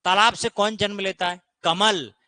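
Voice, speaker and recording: A man's voice: sits high, fairly even intonation, unhurried, pushed and bright, clean tone, dry recording. A man teaching grammar in an online exam-prep lesson, explaining patiently and often checking that students follow. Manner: explains patiently, keeps asking "ठीक है?".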